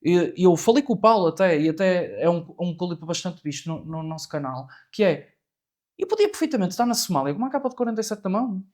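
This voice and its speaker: A man's voice: high voice, big pitch swings, quick pace, a little mellow. Emphatic Portuguese man hosting a podcast. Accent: European Portuguese. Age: 40s. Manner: questioning, emphatic. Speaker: podcast host. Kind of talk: casual chat.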